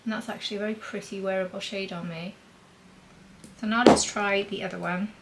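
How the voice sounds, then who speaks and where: A woman's voice: mid-range voice, fairly even intonation, fairly quick, creaky, very noisy. A woman demonstrating makeup in a chatty vlog, thinking aloud as she applies blush and powder. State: talking with a mint in her mouth. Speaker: beauty vlogger.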